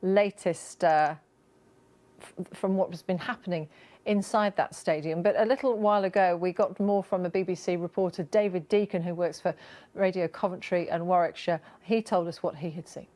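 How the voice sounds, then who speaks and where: A woman's voice: fairly low pitch, steady tone, moderate pace, a little mellow. A British woman hosting a live news programme, introducing reports and putting questions to reporters. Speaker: news presenter.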